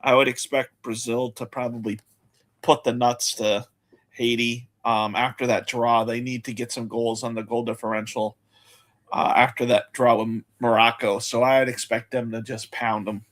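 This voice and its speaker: A man's voice: medium pitch, little pitch movement, moderate pace, a bit bright. A man hosting a live sports-betting show, chatting casually and rattling off match lists.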